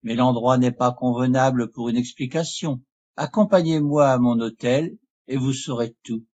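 A man reading an audiobook, voicing a hot-tempered young nobleman with a raised, husky voice. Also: medium pitch, normal speed, a little mellow, highs cut off, lightly acted. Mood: indignant. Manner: heated, emphatic, raised voice.

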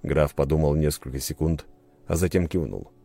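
Deep-voiced man narrating a story. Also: moderate pace, gravelly. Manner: expressive storytelling. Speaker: audiobook narrator. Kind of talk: scripted first-person narration.

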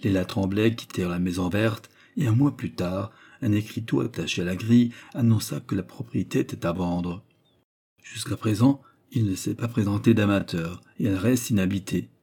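A man narrating a classic novel in a steady, measured reading. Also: fairly low pitch, gravelly, husky. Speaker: audiobook narrator.

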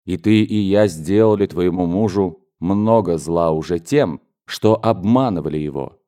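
A man voicing a remorseful man who is ending an affair, speaking quietly and deliberately in an audiobook. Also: fairly low pitch, close to an everyday voice. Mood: grave.

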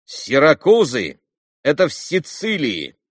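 A man's voice: a little high, wildly swooping pitch, slow pace, breathy edge, dry recording, studio quality, voice pushed up, heavily acted. A man voicing a proud, cheeky teenage boy who talks curtly and defiantly. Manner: curt, defiant.

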